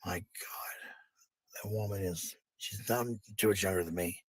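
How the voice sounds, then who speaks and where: Deep, gravelly, and husky, a middle-aged man's voice carries a casual, crude, rambling talk to viewers in which he repeats phrases for emphasis. He keeps a steady tone and an unhurried pace, and there's no echo.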